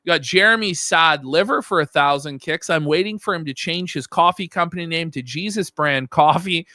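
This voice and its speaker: A woman's voice: sits low, moderate pace, pushed and bright, no room sound, clean studio sound. A woman co-hosting a livestream, reading donation messages aloud in casual commentary, laughing and swearing freely. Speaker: stream co-host reading donations.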